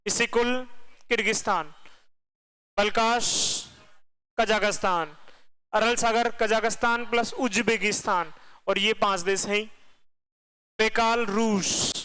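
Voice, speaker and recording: High bright-voiced male teacher. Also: measured pace, long pauses, clear, resonant tone, rough recording. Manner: quizzes students with repeated questions and answers. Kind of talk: classroom geography lesson.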